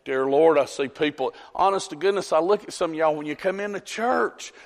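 A man's voice: on the high side, brisk. A man preaching a folksy storytelling sermon, calling on congregants by name. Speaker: pastor. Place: church sanctuary. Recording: long church hall reverb.

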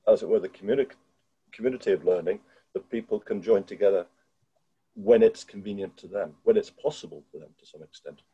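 Dark, husky older man on a headset. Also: fairly low pitch, very animated. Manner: thoughtful and halting, with many restarts. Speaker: participant in an online educators' discussion. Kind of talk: casual video-call discussion. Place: home room with bookshelves. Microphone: headset on a video call. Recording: dull, lo-fi video-call audio.

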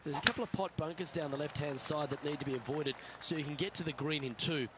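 An actor playing a composed male golf broadcaster, giving measured, scripted play-by-play for a video game. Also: fairly high pitch, heavy background noise, close to an everyday voice. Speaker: golf commentator. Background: game music.

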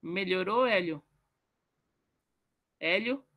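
A woman on a video call in an online book club, chatting casually and self-deprecatingly, and reading her own short poem slowly. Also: lowish voice, a bit bright. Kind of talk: casual online group chat. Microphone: computer mic on a video call.

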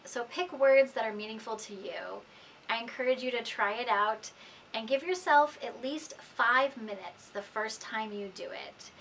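A middle-aged woman giving gentle spoken instruction in a measured way, her phrases trailing off softer. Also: a little high, low-quality recording. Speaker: prayer practice teacher. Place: small indoor room, seated. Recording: faint steady room noise.

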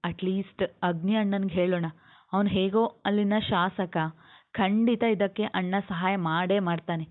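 A woman's voice: medium pitch, fairly even intonation, normal speed, lightly acted. A woman voicing a tearful, hesitant young woman who speaks anxiously. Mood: anxious, worried. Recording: tinny phone-like sound.

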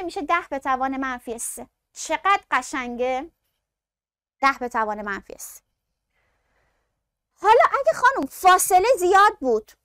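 A woman gives a classroom science lecture in a fairly high voice. She asks questions, answers them herself, and calls her students by fond names. The recording is close and dry with no room sound. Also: fairly bright tone, no echo. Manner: addresses students affectionately. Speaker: science teacher.

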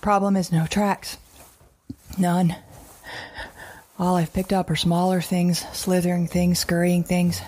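Slow, flat and marked by long pauses, a woman's lowish, slightly mellow voice carries an audio drama monologue in the style of a recorded journal. She plays an agitated, anxious but defiant mother in a wild world, questioning herself and repeating broken phrases.

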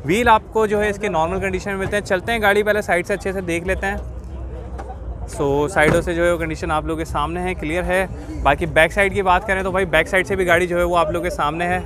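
With his phone at arm's length in a busy outdoor car market full of street chatter, a Pakistani host in his 20s vlogs a walkthrough and short interviews, explaining things in a repetitive patter. He speaks fast in a high voice with a level tone.

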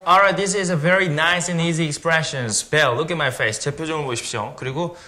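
A man teaching English phrases on a TV lesson, slowly coaching pronunciation. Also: a little high, sharp tone. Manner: slow, careful pronunciation coaching.

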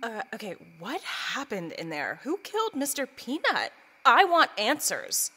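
A flustered, sarcastic young woman played by an actress in an audio drama. Her bright voice jumps around in pitch, with some hall reverb. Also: wildly swooping pitch, moderate pace, breathy edge, full character voice. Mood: nervous, demanding. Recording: noisy, slight hall reverb.

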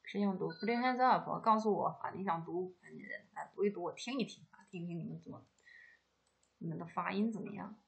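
A woman's voice: fairly low pitch, a little fast, vocal fry, breathy edge. Encouraging woman teaching Chinese online. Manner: encouraging, repeats prompts, mixes in English words.

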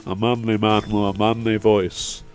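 In a fairly low, darkish voice with flat delivery and a moderate pace, a young man provides casual, rambling gameplay commentary full of swearing and self-deprecation. His voice is tired from long talking, and game end-credits music plays behind his microphone voice-over.

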